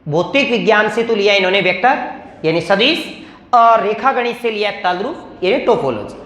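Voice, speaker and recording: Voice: mid-range voice, animated, moderate pace, a bit bright. Teacher quizzing the class. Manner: repeats key terms, quizzes listeners with questions. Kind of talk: classroom lecture. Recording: echoey room.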